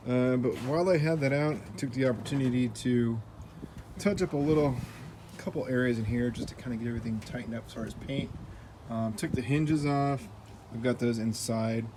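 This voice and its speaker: An American car build vlogger gives an upbeat, unscripted update in casual, slangy language. His mid-range voice is a little mellow, and faint vehicle and ambient noise sits in the background.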